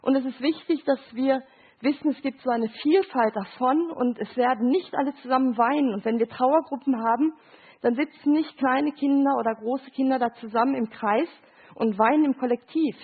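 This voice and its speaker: Woman, middle-aged, grief counselor, lecture with cards, high husky voice, thin phone-like sound. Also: moderate pace. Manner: explains with short examples and quoted voices, asks "Ja?". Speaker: grief counselor giving a talk.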